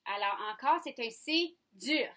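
A woman with a Franco-Ontarian French accent teaches young children, speaking slowly and clearly in a high voice. Her coaxing tone invites the kids to answer. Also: lively intonation, sharp tone. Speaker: kindergarten teacher. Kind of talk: online phonics lesson for young children.

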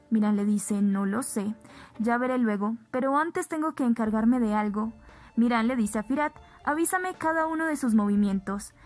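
A woman narrating a recap of a soap opera episode, reading the characters' lines flatly within her retelling. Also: fairly high pitch. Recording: background music bed.

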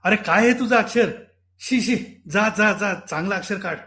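A man voicing an embittered middle-aged father who is quick-tempered and stern, in a loud, scolding delivery for a spoken story. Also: high voice, expressive.

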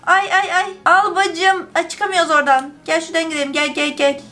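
A young woman hosting a gaming channel, doing excitable let's play commentary and reading game text aloud. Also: extremely high pitch, a little fast.

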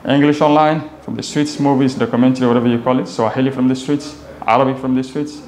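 A young native Somali speaker from Somalia recounts his own experiences casually in an interview, his accent clearly Somali. He talks at a quick pace in a medium, darkish voice with fairly even intonation, inside an echoey, glass-walled office lounge with faint background noise.

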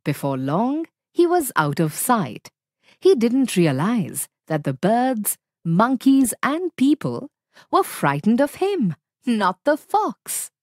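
Woman, storyteller, storybook reading for learners, slow, lively pitch, dry studio sound. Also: dry recording.

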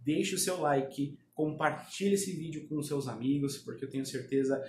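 A man's voice: on the high side, normal speed, a little mellow, reverberant, a little hiss or hum. A man teaching a Spanish lesson online, speaking to viewers and having them repeat words after him. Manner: drills pronunciation, asks viewers to repeat.

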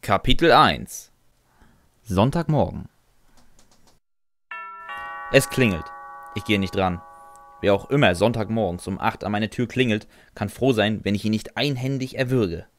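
A man's voice: on the low side, unhurried, long pauses, a little hiss or hum. A man narrating a first-person fan audio drama in a dry, sardonic way, answering with hesitant "äh"s.

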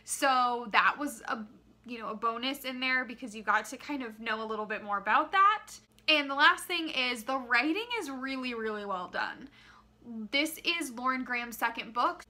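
A young woman giving a casual book review to camera in a chatty, expressive manner. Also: high voice, moderate pace. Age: young adult. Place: small living room, indoors.

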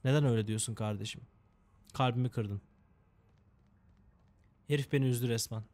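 A man's voice: medium pitch, moderate pace, a little mellow. A man giving casual, joking commentary while playing a game, chatting to the characters and complaining in a mock-dramatic way. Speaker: gameplay commentator. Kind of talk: casual let's-play commentary.

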